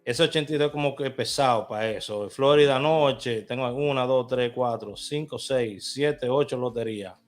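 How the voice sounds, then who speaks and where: Man, casual chatty vlogger, speaking from a car, faint music behind, mid-pitched voice. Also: moderate pace, hardly any pauses. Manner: chatty, talks to viewers while placing lottery bets. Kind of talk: casual screen walkthrough.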